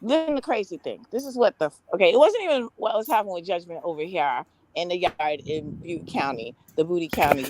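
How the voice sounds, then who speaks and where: Her voice is lowish, captured in a dry, low-quality recording. Offering casual religious testimony, she rambles and exclaims in Rasta speech, often repeating herself, with words like "ites", "overstand", "big up" and "brethren".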